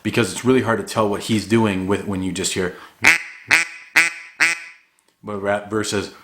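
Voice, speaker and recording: A man's voice: fairly low pitch, steady tone, measured pace. A man giving an informal, encouraging hobby tutorial in a laid-back, conversational way. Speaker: hobby hunter giving a duck calling tutorial. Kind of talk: casual instructional talk.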